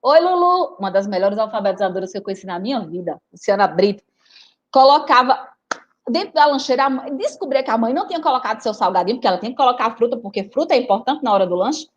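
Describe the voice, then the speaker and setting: A woman from Recife, a teacher and writer giving a lively storytelling talk and speaking straight to her audience. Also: a little high, quick pace, muffled recording. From Recife, Brazil. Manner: animated, chatty, addresses audience directly.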